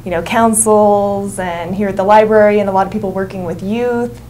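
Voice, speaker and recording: A young woman with a mid-pitched voice speaks as a workshop co-facilitator. Her explanation is informal and a little halting, with phrases that trail on. Faint noise sits behind her. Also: fairly even intonation, mellow, rough recording. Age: young adult. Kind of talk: informal explanatory talk to a group.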